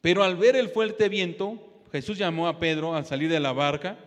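A man's voice: on the high side, steady tone, moderate pace. A man preaching a fervent, exhorting sermon in a church, calling his listeners brother again and again. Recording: long hall reverb.

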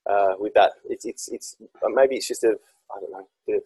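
A man from South East England, a podcast guest in casual chat, telling stories in an animated, self-deprecating way. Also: lowish voice, a little fast, slightly rough, no echo, rough recording.

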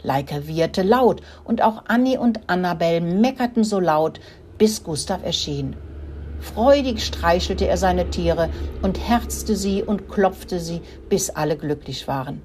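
A woman narrating a children's farm story in a calm, even reading voice. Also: on the low side, a little slow, a little hiss or hum.

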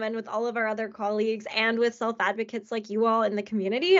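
A woman's voice: mid-range voice, fairly bright tone. A woman guest on a podcast, answering questions in a friendly, fluent way with frequent "um"s. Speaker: guest, government relations manager. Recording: dull lo-fi sound.

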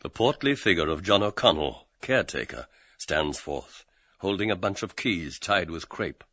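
Deep-voiced man reading aloud. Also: expressive, sharp tone, slightly rough. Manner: measured, dramatic. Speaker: narrator. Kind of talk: audiobook reading of a novel. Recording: dull lo-fi recording with faint noise.

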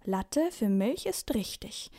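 Woman doing a kindly little sandman, calm, gently amused, bedtime storybook, fairly high voice. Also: takes it slowly, full character voice. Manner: calm, friendly, softly amused.

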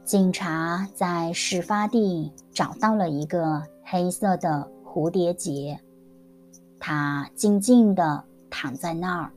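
A woman teacher narrating a scripted story for language learners, enunciating every word very carefully and deliberately. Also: lowish voice, a little mellow, soft background music. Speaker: Mandarin teacher.

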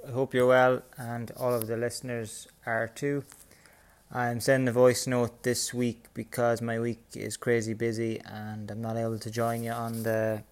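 A man's voice: mid-range voice, clean tone. A man speaking in a voice message played back on a podcast, giving a chatty, self-deprecating fantasy football recap. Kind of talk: recorded voice note recap.

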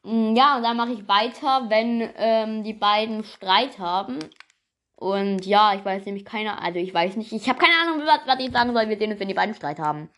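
A woman's voice: medium pitch, moderate pace, fairly bright tone. Rambling, chatty woman narrator. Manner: rambling, full of fillers, addresses listeners as friends. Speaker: creator and narrator of a homemade audio episode. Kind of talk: casual chatty narration to viewers.

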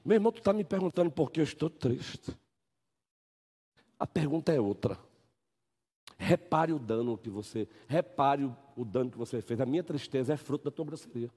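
A man with a Brazilian accent acting out a hurt woman from church who calmly reproaches the man who wronged her. It is recorded in an echoey church hall. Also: mid-range voice, normal speed, husky, voice pushed down. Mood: reproachful.

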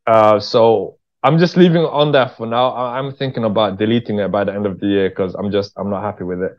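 A little fast and on the low side, a man from England tells casual conversational stories as an interview guest; he's a writer-director. Expect candour and slang from him, and a dull, lo-fi sound quality.

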